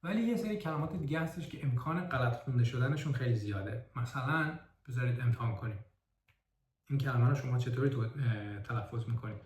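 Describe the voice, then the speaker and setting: A man's voice: medium pitch, expressive, darkish tone, distant mic. A man giving a casual spoken book review, talking carefully, correcting himself and spelling out words. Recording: roomy echo, from off the mic.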